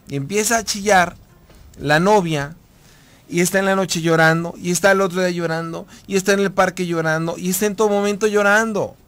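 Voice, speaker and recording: A man's voice: high voice, fairly quick, no room sound. A man with a Mexican accent hosting a live radio talk show as a couples therapist, telling stories emphatically with lots of repetition. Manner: animated, emphatic storytelling with repetition. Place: radio studio booth.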